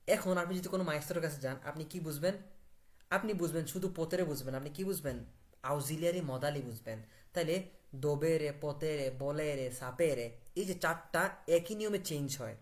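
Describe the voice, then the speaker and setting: Bangla-speaking man teaching a live class. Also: on the high side. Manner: asks the class questions and answers them himself; repeats words for stress. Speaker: Italian language teacher.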